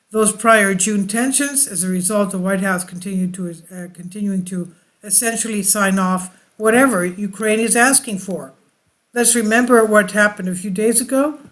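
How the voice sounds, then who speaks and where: With a mid-range, fairly bright voice, an online news commentator works haltingly through articles, tripping over the wording and making offhand remarks along the way.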